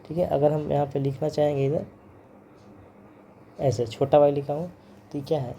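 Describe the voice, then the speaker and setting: A man's voice: a little high, little pitch movement, moderate pace, dark tone, highs cut off, a little hiss or hum. A man teaching physics in a lecture, repeating each term and its pronunciation over and over, mixing English terms into his Hindi. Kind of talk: classroom lecture.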